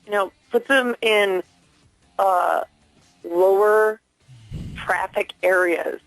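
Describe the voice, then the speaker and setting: Her medium-pitched voice is gravelly and slow, with no room sound and faint music behind. She's a listener phoning a radio station over a dry telephone line, pressing an earnest, insistent complaint in a hesitant, spontaneous manner.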